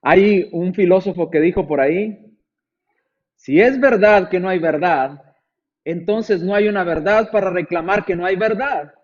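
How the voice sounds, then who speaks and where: A man with a high-pitched voice preaches a sermon in a conversational way. He asks rhetorical questions and acts out the replies of imagined listeners. The recording sounds dull and lo-fi. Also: measured pace.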